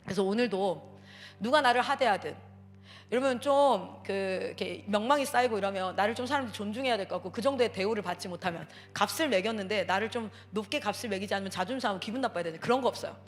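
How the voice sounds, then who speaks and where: A woman with a medium-pitched voice talks fast over faint background music. She's a missionary giving a parenting seminar at a church, telling stories in an emphatic, animated way full of exclamations.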